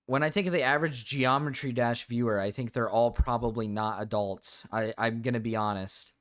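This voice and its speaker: Young guy streamer, mid pitch, casual reactions, kinda halting, repeats himself a lot. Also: a bit bright.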